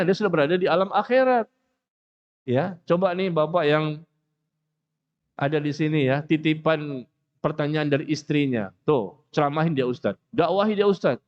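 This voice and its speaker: A man giving a mosque lecture, animated and joking, acting out the people he talks about. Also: sits high, muffled recording. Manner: animated, jokes, acts out quoted speakers. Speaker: preacher.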